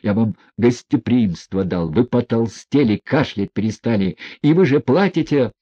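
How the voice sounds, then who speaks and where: A man voicing a bitter young man who snaps in shrill, seething outbursts. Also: animated, normal speed, warm tone, husky, dry recording, highs cut off. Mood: furious.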